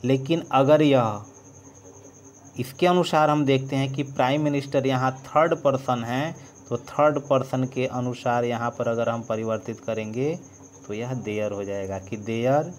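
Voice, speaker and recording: A man teaching an English lesson, spelling words out letter by letter as he writes and trailing off softly. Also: medium pitch, steady tone, measured pace, a little hiss or hum. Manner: dictates letter by letter, trails off softly while writing. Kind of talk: slow board-writing lesson, spelling out words.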